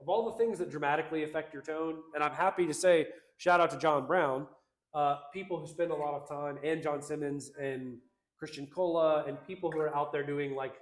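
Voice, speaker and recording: A man's voice: a little high, steady tone, fairly quick, echoey room. A man co-hosting a casual livestream, reading out chat comments in an upbeat, slangy, rambling way.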